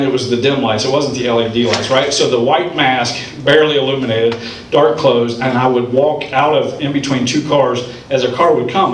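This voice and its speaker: Animated stand-up comic from Ohio, roomy. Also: male voice, medium pitch, far from the mic, slight background noise. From Ohio, United States. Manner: storytelling with punchlines, animated. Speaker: stand-up comedian. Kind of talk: stand-up comedy set. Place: comedy club stage.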